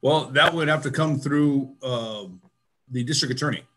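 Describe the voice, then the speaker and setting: A man's voice: mid-range voice, moderate pace, a bit bright. A man in a mid-range voice gives a police report to a city committee in a council chamber. He speaks plainly and directly, filling gaps with frequent "uh"s. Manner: plain and direct, many "uh" fillers. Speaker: police services chief. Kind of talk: spoken report at a public meeting.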